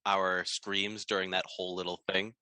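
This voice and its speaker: A man's voice: low voice, flat delivery, normal speed, pushed and bright, smooth, no room sound. A man playing at a tabletop game, talking casually with the game master. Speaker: player.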